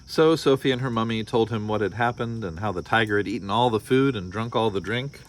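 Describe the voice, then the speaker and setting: A man's voice: lowish voice, fairly quick. An American man reading a children's story aloud, breaking off for wry, casual asides. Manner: wry, joking commentary. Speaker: storybook reader.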